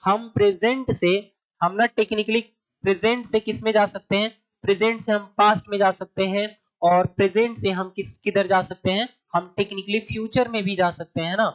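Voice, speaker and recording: A male coaching teacher giving an exam-prep grammar lesson. He asks rhetorical questions, repeats his points with a tag question, and reads English examples slowly and deliberately. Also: high-pitched, steady tone. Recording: dull lo-fi recording.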